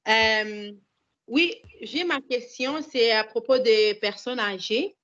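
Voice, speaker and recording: A woman in asks a question at a virtual town hall, halting and repeating words as she searches for phrasing. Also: on the high side, fairly bright tone. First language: not French. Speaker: caller, personal care attendant. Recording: dull lo-fi online call audio.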